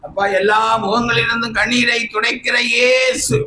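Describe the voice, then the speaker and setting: Fervent pastor, high bright voice. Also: male voice, steady tone, moderate pace, a little hiss or hum. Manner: fervent preaching, often shouting hallelujah. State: recovering from recent illness. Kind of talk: sermon. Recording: echoey church hall, faint ambience.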